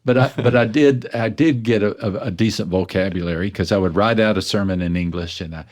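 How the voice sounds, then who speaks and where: A guest pastor and author from West Texas talks fairly quickly in a low, deep voice during an interview. He tells his story with earnest self-deprecation, frequently restarting sentences while thinking, and the tone is easygoing and reflective.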